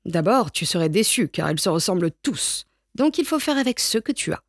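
A woman reading a children's storybook aloud with gentle, expressive storytelling. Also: fairly low pitch, moderate pace, dry recording, clean studio sound. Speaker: storybook reader. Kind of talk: read-aloud picture book narration.

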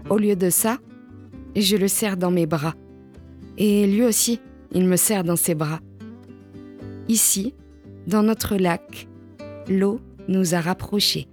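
Slow, gentle woman reading a storybook. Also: medium pitch, faint music behind. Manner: slow, gentle storytelling with lifted voices for the brother. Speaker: storybook reader. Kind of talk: children's book read aloud.

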